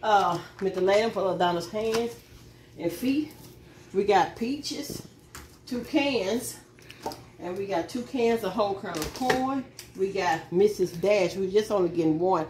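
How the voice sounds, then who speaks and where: A middle-aged woman vlogger chats casually to her viewers while driving, then shows off her groceries at a kitchen table, rambling from one topic to the next. Her mid-range voice is slightly mellow and measured in pace, and the car recording is noisy.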